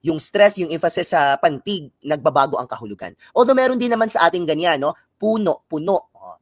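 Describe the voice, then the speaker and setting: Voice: medium pitch, very animated, fast talker, dry recording. A speaker from the Philippines with a Filipino accent, giving a live-streamed exam review lecture that mixes Filipino and English, often tagging sentences with a questioning "no?" and explaining terms through examples.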